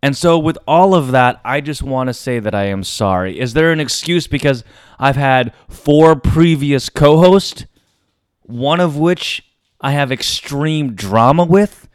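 A man hosting a solo confessional podcast, speaking to listeners in a theatrical showman's manner with emphatic, dramatic pauses. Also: mid-range voice, clear, resonant tone, dry recording, studio quality. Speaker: podcast host.

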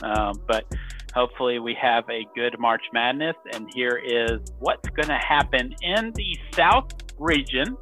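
A man's voice: medium pitch, a little slow, sharp tone, soft background music. A man hosting a casual sports betting podcast, upbeat and chatty, laughing often. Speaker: podcast host.

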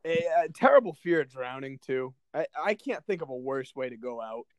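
A man's voice: mid-range voice, big pitch swings, normal speed, no echo. A young man co-hosting a podcast, telling a story in a loose, casual way and swearing now and then. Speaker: podcast co-host.

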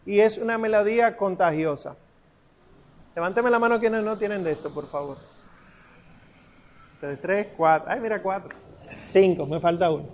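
High-voiced man patiently coaching a chant. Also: moderate pace, long pauses, a little mellow, slight background noise. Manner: patient, coaching pronunciation syllable by syllable. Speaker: liturgical chant instructor. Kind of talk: teaching a congregation to chant.

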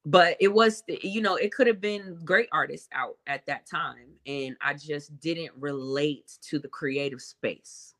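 Woman, guest musician, bright voice, thoughtful, hesitant, measured. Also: sits low. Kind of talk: casual interview chat.

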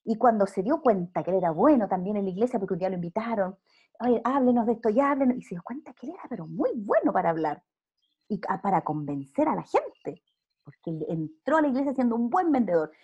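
A woman's voice: mid-range voice, sing-song, fast talker, warm tone, husky, dull audio. A woman speaking earnestly in a casual faith interview, preaching with emphatic repeated phrases.

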